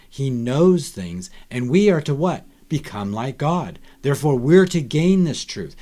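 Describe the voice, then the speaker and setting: An older man talks with conviction on a podcast, pressing each point and throwing rhetorical questions at the listener. His voice sits in a middle pitch, and he leans hard on key words. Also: dark tone. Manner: emphatic, preachy, rhetorical questions. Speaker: guest author. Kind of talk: emphatic podcast discussion.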